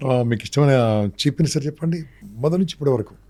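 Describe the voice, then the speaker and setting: A man's voice: medium pitch, lively intonation, quick pace, mellow, a little hiss or hum. A man, a public speaking trainer, talking emphatically in an interview and firing off rhetorical questions and lists. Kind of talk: motivational interview talk.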